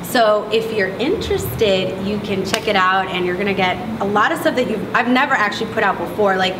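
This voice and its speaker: A woman in her thirties, a bodybuilding competitor, talking excitedly and laughing often in a casual interview in a gym. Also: medium pitch, a little fast, background noise. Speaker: pro bikini competitor, interview guest. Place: large indoor gym, in front of a logo wall. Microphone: far camera mic. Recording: echoey room, picked up from a distance, with clear ambience.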